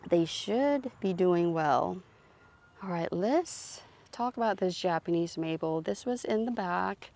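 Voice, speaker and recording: Gardening vlogger, woman, lowish warm voice, very slow unhurried pace, outdoor garden tour. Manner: calm, unhurried, explains plants as she walks. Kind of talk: casual garden tour narration.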